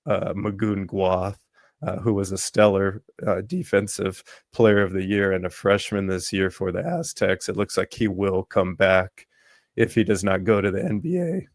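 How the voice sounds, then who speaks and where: A man hosting a sports podcast in casual talk, his voice worn from allergies, halting with many ums and restarts. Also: low voice, gravelly, no echo. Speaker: podcast host.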